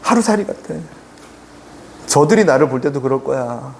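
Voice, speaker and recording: A man preaching in a sermon, voicing fearful, despairing Israelite men in a low, subdued, whining tone. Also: animated, normal speed, creaky, slight background noise.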